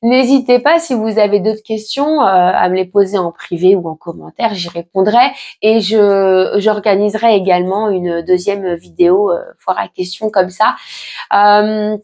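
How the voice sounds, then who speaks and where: With a medium pitch, some vocal fry, and a slightly mellow tone, a pregnant woman in her late thirties talks at a moderate pace. As a vlogger answering viewer questions, she keeps it casual and reassuring, with many fillers and restarts.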